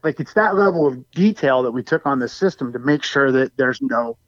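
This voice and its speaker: A man's voice: medium pitch, animated, fairly quick, no room sound. A man calling in as a guest by cell phone, his voice compressed and the connection cutting out as he eagerly explains technical details with everyday comparisons. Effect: compressed cell phone line cutting out. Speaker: guest product expert. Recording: dull, lo-fi phone call audio.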